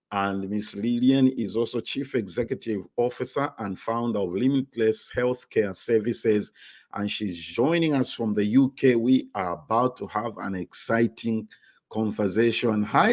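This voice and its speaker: A man hosting a live online interview, greeting viewers and asking the questions in an upbeat, drawn-out way. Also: medium pitch. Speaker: host.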